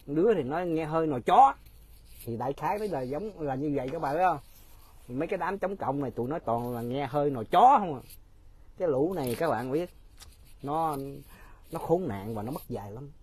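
A man's voice: on the high side, lively intonation, fairly quick, darkish tone, husky. A man giving casual, mocking political commentary straight to his viewers, often laughing.

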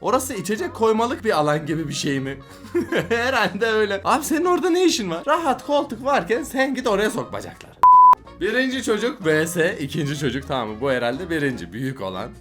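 A man's voice: sits high, sing-song, brisk, over music. A man giving casual, playful reaction commentary on funny kid videos, often laughing and teasing the children he watches.

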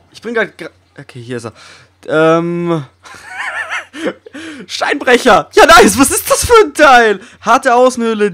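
Excitable high-voiced gamer man, swearing. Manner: excitable, swears often, jumps between mumbling and loud outbursts. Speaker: let's play gamer. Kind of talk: casual gameplay commentary.

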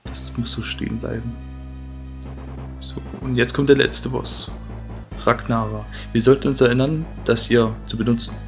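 Gravelly-voiced male gamer, live let's-play commentary, loud game music under him. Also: medium pitch, fairly even intonation, normal speed. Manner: eager urging of the game, repeated "komm". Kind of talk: gameplay commentary.

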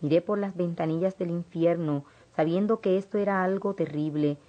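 A woman with a fairly low voice earnestly reads a first-person religious testimony aloud. The sound is muffled and lo-fi. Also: normal speed, dark tone. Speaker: narrator. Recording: dull lo-fi recording.

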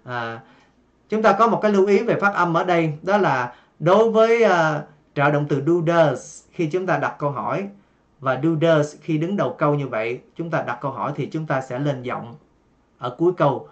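A man teaching an English lesson, explaining slowly with many fillers and repeating example questions with a rising tone. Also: fairly high pitch. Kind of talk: recorded online lesson. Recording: dull lo-fi recording.

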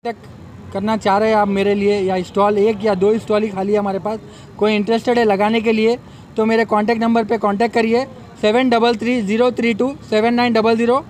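A man's voice: sits high, flat delivery, brisk, a little hiss or hum. A young man, an event organizer giving a promotional press statement into a bank of microphones at an outdoor expo, repeatedly urging customers to come. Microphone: bank of press microphones on a table.

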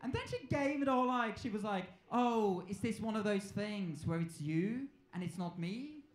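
In a comedy club, a Norwegian stand-up comedian in his twenties performs conversationally, playfully dramatizing exchanges. He speaks at normal speed with a high voice and lively intonation, captured by a handheld mic in echoing, noisy surroundings.

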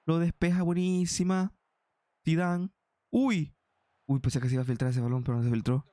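A young man doing excitable play-by-play of his own football video game match for viewers. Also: a little high, fast, no room sound, studio quality. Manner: excitable, addresses viewers as "señores", shouts at big chances. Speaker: gaming YouTuber.

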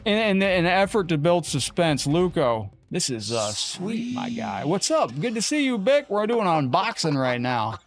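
A man live-streaming a game, chatting casually with viewers and his cat and getting excited during an unboxing. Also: high voice, moderate pace, hardly any pauses, slight background noise.

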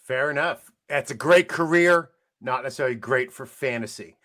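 A man hosts a podcast panel in a relaxed way, passing the turn from one guest to the next. His voice is bright and forward. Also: medium pitch, normal speed. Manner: relaxed, moderating, calls on panelists. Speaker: podcast host. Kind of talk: casual podcast chat.

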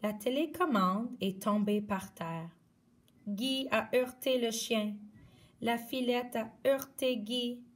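A woman reading a children's picture book aloud slowly and expressively. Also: fairly high pitch, distant mic. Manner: slow, clear, expressive read-aloud. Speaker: storyteller.

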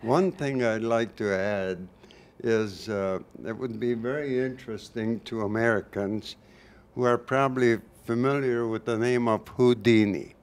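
An older man from Hungary, adding details from the audience in a halting way. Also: medium pitch, fairly even intonation, smooth. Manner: slow, halting, with fillers. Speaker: audience member. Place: library meeting room. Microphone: far camera.

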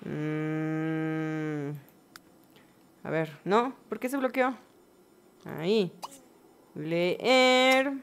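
A woman giving casual let's-play commentary, chatting to her game characters with bursts of excited exclamations. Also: low voice, drawn-out words, long pauses, smooth. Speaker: gaming channel host.

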